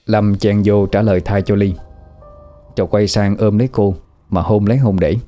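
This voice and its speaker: Mellow-voiced male story narrator. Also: on the low side, steady tone, normal speed, soft background music. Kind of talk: scripted narration of a ghost story.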